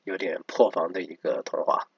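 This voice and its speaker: Low, slightly husky man commenting casually. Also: level tone, moderate pace, a bit bright, dry recording. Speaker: narrator commenting on recorded calls. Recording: slightly dull, muffled recording.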